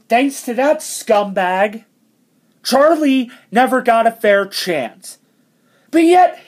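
High voice, slow, exasperated fan rant, sarcastic. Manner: exasperated, sarcastic, stumbling over words. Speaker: sports fan commentator. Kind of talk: ranting fan commentary.

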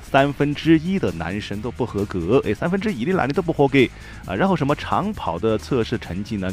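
一位带四川口音的男主持人，用口语化、调侃式的新闻播报腔讲幽默时事评论。. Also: male voice, lowish voice. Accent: Sichuan. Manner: colloquial, joking, mock-newscaster delivery. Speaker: host of a comic news show. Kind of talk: humorous news commentary in Sichuan dialect.

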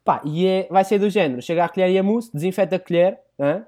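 Fast-talking Portuguese podcast guy. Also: high-pitched, a little mellow. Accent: European Portuguese. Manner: rapid, acts out little scenes. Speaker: podcast co-host. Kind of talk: casual podcast chat.

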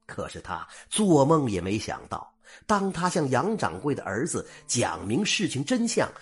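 Husky, animated male folk storyteller. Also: medium pitch. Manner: lively, dramatic storytelling. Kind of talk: traditional folk tale narration.

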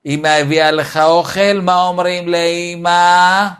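A man giving a weekly Torah lesson on raising children. He teaches in an animated way and acts out family scenes as he goes. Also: high voice, clear, resonant tone.

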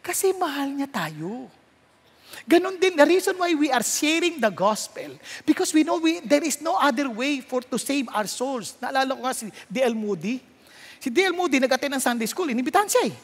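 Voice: high voice, very animated, moderate pace, in a large hall. A preacher giving a sermon, switching between Tagalog and English and asking the congregation rhetorical questions. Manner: mixes Tagalog and English, reads scripture aloud.

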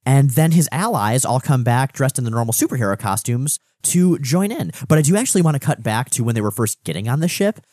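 A man's voice: medium pitch, animated, a little fast, few pauses, warm tone, no room sound, studio quality. A man co-hosting a podcast, recapping comics plots with playful enthusiasm. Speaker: podcast co-host. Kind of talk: casual chat recapping comics.

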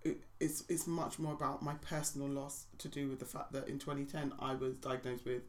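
A woman's voice: rumbling low, fairly even intonation, fairly quick. A woman co-hosting a podcast, talking earnestly and reflectively, sometimes laughing nervously. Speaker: podcast co-host. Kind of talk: casual chat.

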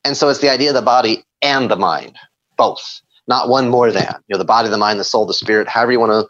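A man being interviewed, telling animated stories and acting out his own inner dialogue. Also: medium pitch, fast talker, highs cut off. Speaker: guest. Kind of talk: conversational interview.

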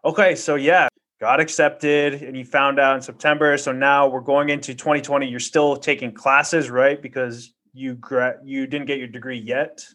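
A man hosting a casual interview, supportive and agreeable, with frequent backchannel words and relaxed follow-up questions. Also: medium pitch, normal speed. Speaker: interview host.

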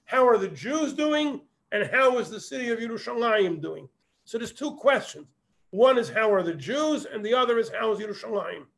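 In a text study lesson, a man teaches Torah verse by verse, reading Hebrew phrases and then translating them. His voice is high-pitched and fairly bright, with lively intonation, vocal fry and a moderate pace.

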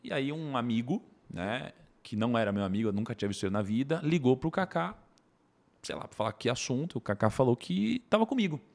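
A man, a podcast guest telling a personal story in animated casual conversation. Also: mid-range voice, gravelly. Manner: animated, tags sentences with quick asides.

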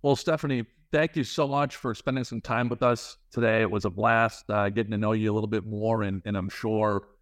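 A man hosting a casual interview, speaking haltingly and repeating words as he shapes his thoughts. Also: on the low side, steady tone, no echo, clean studio sound. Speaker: podcast interview host.

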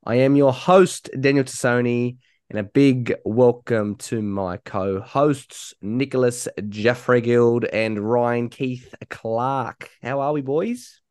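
A man with an Australian accent hosts a casual sports talk show. His pitch is average for a man. The sound is dry, without room echo. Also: steady tone, takes it slowly, a little mellow, clear, resonant tone. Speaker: podcast host. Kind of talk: casual rugby league podcast chat.

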